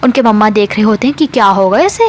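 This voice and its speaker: A woman's voice: mid-range voice, lively intonation, quick pace, a little hiss or hum. A woman casually retelling a romance story, chatty, with fillers and repeats.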